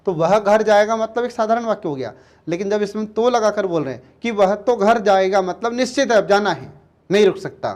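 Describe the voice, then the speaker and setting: High-voiced man teaching a grammar lesson. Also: animated, darkish tone. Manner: slow, repeats words, checks understanding often. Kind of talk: exam-prep grammar lecture.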